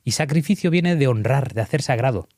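Male coach, mid pitch, earnest and emphatic, dry close sound. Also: expressive, brisk, vocal fry, darkish tone, dry recording. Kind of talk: conversational coaching, guiding an exercise.

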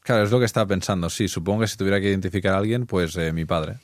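Podcast host, lowish voice, relaxed and slangy. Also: male voice, racing, no echo, clean studio sound. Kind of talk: casual podcast chat.

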